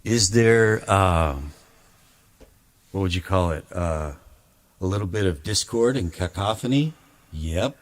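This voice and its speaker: Speaking slowly with long pauses, a man with a low, lively voice grumbles to his chat while producing music on stream. He rambles with an aggrieved air and keeps stammering and starting over.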